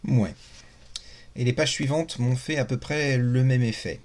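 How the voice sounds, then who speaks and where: Man, book reviewer, wry commentary, deliberate reading aloud. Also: medium pitch, darkish tone.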